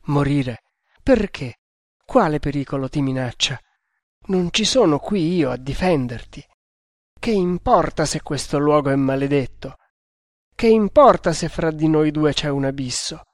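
A man's voice: fairly high pitch, lively intonation, a little slow, a little mellow, no echo, studio quality. A man reading an audiobook, voicing a young snake hunter who speaks with ardent passion. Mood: fierce. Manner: ardent, impassioned.

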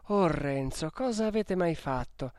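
A man reading an audiobook who voices a gentle, devout young woman, pleading in distress. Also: on the high side, lively intonation, unhurried, clean tone, no echo, studio quality. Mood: anguished pleading. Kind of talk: audiobook character voice.

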